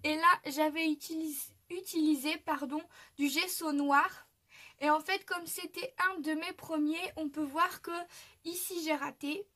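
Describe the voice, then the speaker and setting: A woman's voice: high voice, fairly even intonation, unhurried, sharp tone. A young woman from France chatting through a craft tutorial, full of fillers and little restarts. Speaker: craft youtuber.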